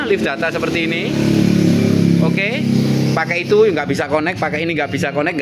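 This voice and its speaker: A man with a Javanese accent, a motorcycle mechanic, talking casually as he works in his repair shop and explains each step. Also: a little high. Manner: chatty, explains while working, acts out customer's words. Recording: workshop noise with engine sounds.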